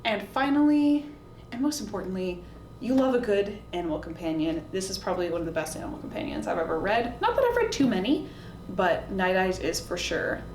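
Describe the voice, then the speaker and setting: A woman who reviews books and hosts videos talks casually to camera, sharing opinionated recommendations in a chatty style. There's a roomy echo along with faint background noise and rumble.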